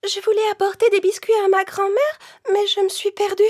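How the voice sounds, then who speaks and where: A woman's voice: very high-pitched, flat delivery, fairly quick, voice pushed up. A woman voicing a sweet, easily frightened little girl in a children's cartoon tale, with a pleading, earnest, childlike way of talking. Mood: hesitant. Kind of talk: children's cartoon storybook acting.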